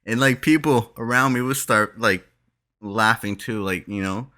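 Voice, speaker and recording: A young man with a very low voice that still sounds bright and forceful. He chats casually as a podcast co-host, slangy and quick to swear. He drops "bro" into nearly every thought. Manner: slangy, swears freely, says "bro" a lot. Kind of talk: casual chat.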